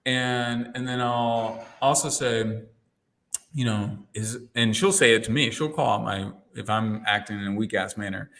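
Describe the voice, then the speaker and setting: A man talking as an interview guest and coach, telling lively stories and acting out his own inner dialogue, with frequent restarts. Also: fairly low pitch, measured pace. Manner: energetic storyteller, acts out quoted inner dialogue; rambling restarts and repeated words. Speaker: guest, NLP coach and entrepreneur mentor. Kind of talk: casual interview conversation.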